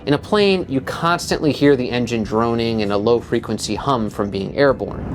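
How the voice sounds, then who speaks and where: A man's voice: mid-range voice, a little hiss or hum. A man hosting a design video, giving scripted narration with an explanatory, punchy delivery.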